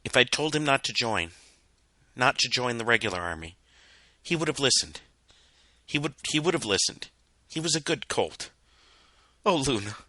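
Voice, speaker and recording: A man acts out a melancholy male pony, a kindly doughnut seller from a storybook. He talks plainly and with feeling. The voice is pushed up in pitch, tense and bright, and dryly recorded. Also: lively intonation, moderate pace, pauses often, no room sound. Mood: anguished, grieving.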